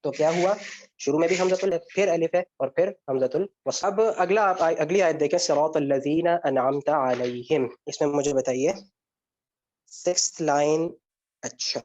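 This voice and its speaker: Over a dull lo-fi recording with a little hiss or hum, a man teaches Arabic grammar in an online lecture that takes student questions. His voice is on the high side and slightly mellow, and he explains step by step, frequently asking his own questions and answering them.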